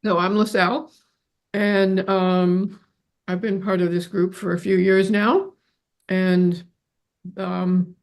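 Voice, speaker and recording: A writer introduces themself slowly on a video call at a middle pitch. The words come in halting bits with long pauses between them. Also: level tone. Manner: slow, halting delivery. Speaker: group member, author. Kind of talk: casual video call chat.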